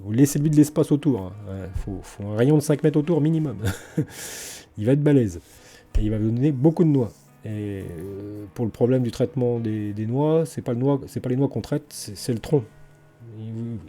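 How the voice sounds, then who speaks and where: A man from France chats about his garden in a loose vlog style. His voice is deep-toned, mellow and very dark, sitting at an ordinary pitch. He hesitates and restarts constantly, is enthusiastic and blunt in his opinions, and has faint music playing behind him. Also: normal speed. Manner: chatty and colloquial, full of hesitations and restarts. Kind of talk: casual spoken vlog.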